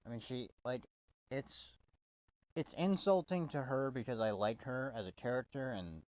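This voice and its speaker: A man gives a casual wrestling review at normal speed in a mid-range, slightly mellow voice. He sounds exasperated, swears heavily, and keeps stumbling into restarts.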